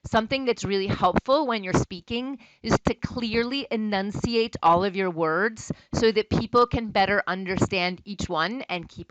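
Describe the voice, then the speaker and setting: A woman teaching a recorded college lecture, explaining points in a relaxed, conversational way. Her voice is mid-pitched and recorded close and dry, with no room echo. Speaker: college instructor.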